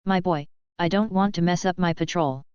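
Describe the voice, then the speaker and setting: A man's voice: high-pitched, normal speed, a little mellow, smooth, dry recording, lo-fi sound, natural voice. Woman reading as a mocking older cop. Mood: menacing. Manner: menacing, mocking. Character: older cruel male police officer.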